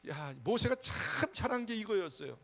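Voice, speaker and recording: High-pitched guy preaching a friday prayer service, gets loud then goes real quiet, mains hum in the background. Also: big pitch swings, normal speed. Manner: emphatic, conversational preaching that swings between loud urging and soft asides. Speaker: pastor. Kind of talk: sermon at a Friday prayer meeting.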